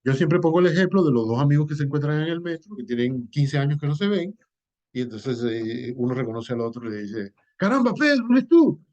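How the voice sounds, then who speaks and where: A man's voice: mid-range voice, a little mellow. Man lecturing a class, hesitant restarts. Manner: unhurried explaining, with frequent "eh" and restarted words. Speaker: teacher. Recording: dull lo-fi recording.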